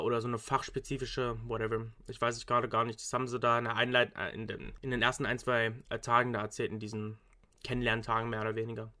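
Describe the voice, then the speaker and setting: In a pushed, bright, mid-range voice, a young adult university student chats casually. He rambles and keeps restarting, peppering his talk with English slang.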